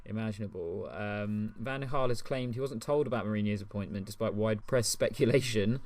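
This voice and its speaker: Podcast co-host, man, low-pitched and rambling, chuckling at his own anecdotes. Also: moderate pace, darkish tone. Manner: rambling, lots of ums, laughs at his own stories. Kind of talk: casual comedic podcast chat.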